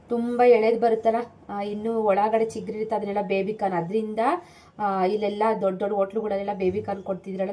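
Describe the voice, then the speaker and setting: Brief: chatty vlogging mother, thirties, homely kitchen talk, mid-pitched. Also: warm tone. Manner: chatty, explains homely cooking steps to viewers. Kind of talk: casual cooking vlog chat. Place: home kitchen.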